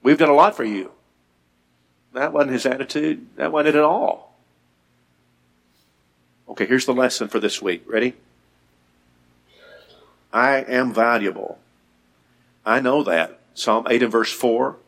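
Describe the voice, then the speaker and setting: A man preaching a Bible lesson, reading scripture aloud and getting louder and higher when he stresses a point. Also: measured pace, creaky, pauses often. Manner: reads scripture aloud, rises in pitch and volume for emphasis.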